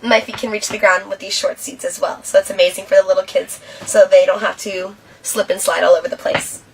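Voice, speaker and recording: A woman's voice: mid-range voice, fairly even intonation, a little fast. A woman presenting a safety training video, explaining and demonstrating to viewers in an instructional walkthrough style. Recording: distant mic, clearly noisy ambience.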